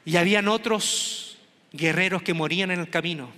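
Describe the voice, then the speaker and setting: Lively high-voiced man telling a comic story. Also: moderate pace. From Chile. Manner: animated, acts out quoted voices. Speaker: stand-up comedian. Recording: long hall reverb.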